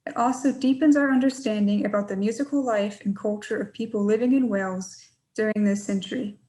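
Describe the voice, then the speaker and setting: A young woman from Georgia, a PhD student, giving a measured, prepared scholarship talk. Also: mid-range voice, mellow, rough recording. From Georgia, USA.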